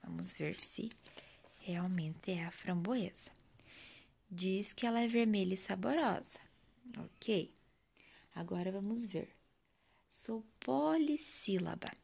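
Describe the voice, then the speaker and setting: A woman's voice: mid-range voice, expressive, takes it slowly, gravelly, long pauses, darkish tone, slightly rough. A woman, a primary school teacher with a Brazilian Portuguese accent, giving a remote lesson to children in a patient, sing-song teaching voice.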